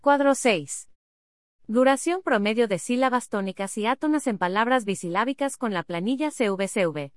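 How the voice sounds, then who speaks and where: A woman reading an academic paper aloud in a steady, measured way, reading symbols and figure captions out literally. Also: a little high, no room sound, clean studio sound.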